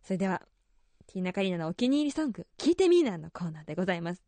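A woman's voice: lowish voice, sing-song, very fast, dark tone, no echo. A young woman with a Kansai accent hosting a radio show, chatty and laughing often. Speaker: radio host.

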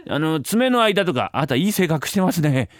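Brief: fearful, fawning male entertainer, voiced by a storyteller, rapid stammered protests. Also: a little high, big pitch swings, no room sound, clean studio sound. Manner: stammering, pleading, fast protests. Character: flustered male jester, flattering and fearful. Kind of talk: rakugo storytelling.

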